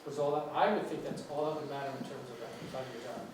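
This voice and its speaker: Speaking fast in a mid-range voice, a man from the United States with a New York accent gives an English lecture. He rambles reassuringly and keeps restarting; the noisy recording comes from a distant mic in an echoey hall.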